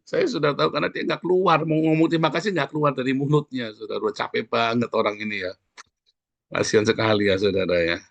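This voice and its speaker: A man's voice: mid-range voice, fairly even intonation, vocal fry, no echo. A male pastor giving a sermon in a conversational way, often addressing the congregation directly. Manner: sings short worship lines softly and slowly.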